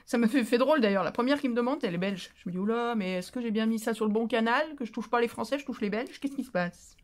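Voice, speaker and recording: Woman, tired, chatty and playful, exclaiming often, a little high-pitched, casual craft chat. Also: fast talker. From France. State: tired, voice going. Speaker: craft channel host. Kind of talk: casual chat while opening mail.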